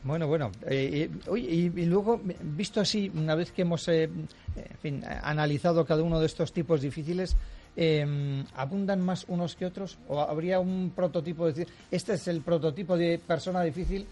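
A male radio host with a mellow, dark tone and a slightly raised pitch. He asks his questions haltingly and leans on lots of filler sounds. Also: faint music behind. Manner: hesitant, many fillers. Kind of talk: radio talk chat.

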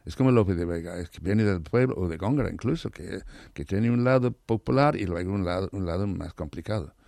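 Hoarse, deep-voiced man with a gravelly tone. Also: fairly quick, mellow, no echo. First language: not Spanish. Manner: enthusiastic, restarts words, many repetitions. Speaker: interview guest, literary scholar. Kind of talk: thoughtful conversational interview.

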